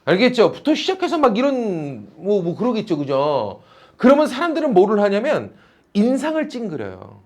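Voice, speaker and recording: A man's voice: sits high, a little mellow. A male teacher giving a classroom lecture, teasing and calling on students by name.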